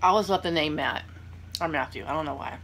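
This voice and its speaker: A young woman with a low voice hosts a casual eating vlog, talking to her viewers between bites. She rambles in an unhurried, self-deprecating way. Clear background noise sits behind her voice. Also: a bit bright. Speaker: vlogger hosting a mukbang.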